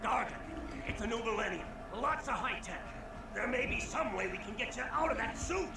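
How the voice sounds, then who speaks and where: An actor playing an irritable, brash, exasperated newspaper boss in a video game. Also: male voice, very high voice, lively intonation, moderate pace, creaky, exaggerated voice. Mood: exasperated bluster. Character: blustering, irritable newspaper boss under attack. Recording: distant game audio under music.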